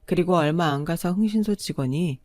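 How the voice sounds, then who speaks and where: A woman telling a bitter story of her marriage in calm, confiding, scripted first-person narration. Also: on the low side, brisk.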